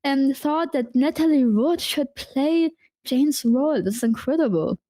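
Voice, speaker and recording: High-voiced woman, eager film fan guest. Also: animated, mellow. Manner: eager, halting, repeats words. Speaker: podcast guest. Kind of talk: casual film podcast chat.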